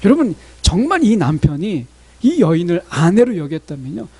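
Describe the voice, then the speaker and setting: Korean pastor guy preaching, pitch jumps all over, kinda husky. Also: moderate pace. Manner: animated preaching, addresses congregation often. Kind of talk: sermon.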